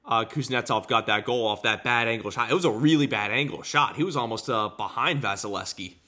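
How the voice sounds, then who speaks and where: A man giving unscripted hockey game analysis as a podcast host, halting and repeating himself as he searches for words. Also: mid-range voice, sharp tone.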